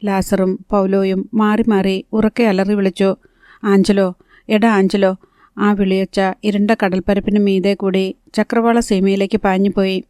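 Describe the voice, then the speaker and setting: A woman narrating a novel as an audiobook, in a steady, even storytelling read. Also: mid-range voice, moderate pace, dry recording, studio quality.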